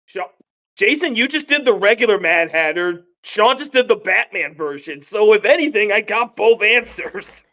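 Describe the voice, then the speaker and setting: A man's voice: high voice, lively intonation, normal speed, pushed and bright, highs cut off. A man hosting a casual podcast, chatty and laughing as he talks about the cartoon voices he does. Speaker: podcast host.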